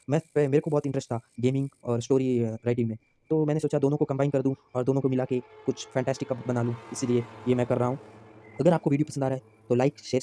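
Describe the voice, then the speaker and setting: A man's voice: mid-range voice, warm tone, no echo. A man narrating his own story casually as a YouTube storyteller, chatty and prone to restarts.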